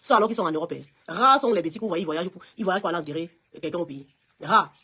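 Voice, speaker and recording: A Cameroonian woman with a Cameroonian French accent hosts a casual live stream. Her husky voice rattles along at great speed. She talks emphatically and speaks straight to her viewers by name. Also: fairly low pitch, very fast, pushed and bright. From Cameroon, West region.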